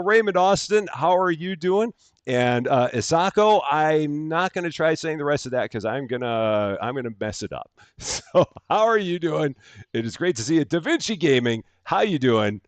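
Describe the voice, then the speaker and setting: Hosting a live gaming stream, this middle-aged Chicago-area man speaks at medium pitch in a general American accent, with no room sound on the recording. His chat is upbeat and casual, full of fillers and restarts, and he welcomes viewers by name.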